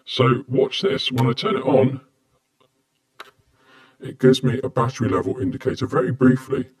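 A man speaks from behind a face mask while showing off a gadget. His tone is warm and mellow, and he explains things plainly and matter-of-factly, like a casual product review. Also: medium pitch, fairly even intonation, moderate pace.

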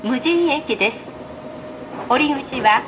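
Played through the speakers of a train in motion, this scripted announcement is read by a woman whose voice is high and animated, though her pace is slow. She enunciates evenly and formally. The train PA picks up clear running noise throughout.

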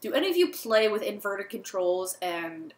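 A woman's voice: mid-range voice, very animated, normal speed. A woman co-hosting a gaming video, chatting casually in a sarcastic, teasing way. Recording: echoey room with game music.

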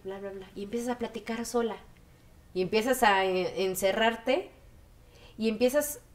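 A woman in her thirties with a Mexican accent, telling her story in a documentary interview and acting out the voices she quotes. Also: fairly high pitch. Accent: Mexican Spanish. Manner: animated, acts out quoted voices.

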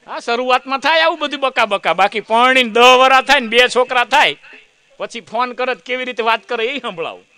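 A man's voice: very high voice, lively intonation, brisk, pushed and bright, smooth. A man doing a comic monologue, telling a chatty story, acting out other people's lines and teasing the audience. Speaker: comedian.

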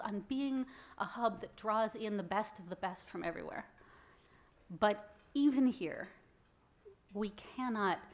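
This medium-pitched speech comes from a woman in her thirties receiving an award, speaking earnestly into a podium stand mic. She leans on key phrases, addressing an audience inside an event hall.

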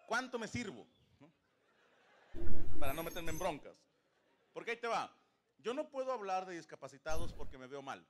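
A man's voice: fairly high pitch, a bit bright. A man with a Mexican accent, a streamer telling a crude, joking story on a live stream. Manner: crude, joking anecdote-teller. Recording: noisy stream audio.

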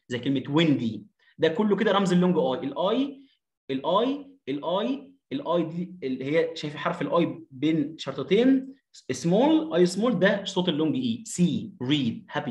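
Egyptian male English teacher, slightly high voice, patient drilling delivery, echoey room. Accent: Egyptian Arabic. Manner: repeats and demonstrates sounds, checks in with listeners. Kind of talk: phonetics lesson.

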